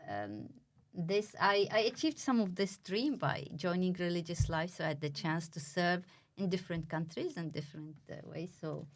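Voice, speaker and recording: A woman's voice: fairly low pitch, lively intonation, normal speed, a little hiss or hum. A middle-aged woman from Bethlehem, a religious sister with a Palestinian Arabic accent, speaking English as a second language and sometimes searching for words in a casual interview.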